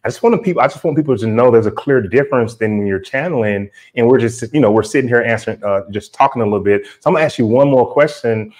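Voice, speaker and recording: A man hosting a casual spiritual interview, explaining and asking in a halting way. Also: medium pitch, darkish tone. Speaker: interview show host.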